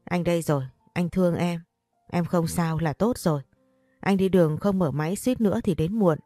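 A woman's voice: on the low side, normal speed, warm tone, no echo, faint music behind, natural voice. A woman voicing a furious, protective young husband in a read-aloud story. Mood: tender.

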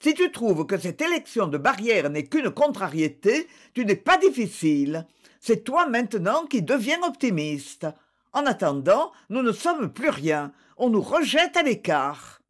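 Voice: medium pitch, sing-song, unhurried. A reader voicing a grumbling, bitter middle-aged innkeeper's wife in an audiobook. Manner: scolding, sharp outbursts.

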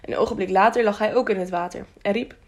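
A woman reading a children's adventure audiobook in a steady, expressive storytelling voice. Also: mid-range voice, quick pace. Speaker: audiobook narrator. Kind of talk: audiobook narration.

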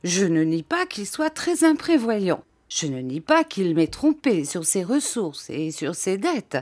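A woman reading an audiobook, voicing a distraught, devoted middle-aged wife who declaims in a high, tearful voice. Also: very animated, measured pace, a little mellow. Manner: declaiming, rising to cries.

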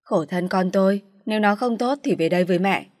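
A woman's voice: medium pitch, brisk, a little mellow, no echo, clean studio sound, natural voice. A woman voicing a stern, scolding middle-aged mother in a dramatized story. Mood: worried. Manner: harsh, scolding.

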